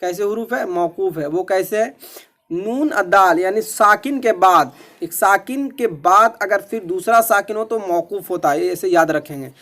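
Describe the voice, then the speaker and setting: Man, high-pitched voice, methodical exam tutor, drills each answer twice. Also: moderate pace, a bit bright. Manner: repeats questions and answers, methodical. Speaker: teacher. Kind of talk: exam-prep lesson.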